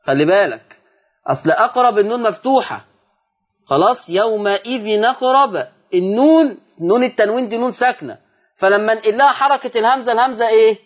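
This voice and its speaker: A man with an Egyptian accent teaching Quran recitation on a televised lesson, explaining quickly and then reciting example words slowly. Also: high-pitched, highs cut off.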